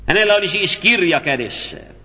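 A man teaching a sermon, reading scripture aloud and explaining it in a measured way. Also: sits high, lively intonation, sharp tone. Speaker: preacher. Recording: dull lo-fi audio with long hall reverb.

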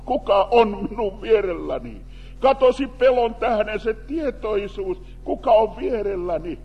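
A man preaching an animated sermon in speech, calling out to the congregation and bringing them in. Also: high-pitched. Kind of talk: lively sermon with audience participation. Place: church hall. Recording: long hall reverb.

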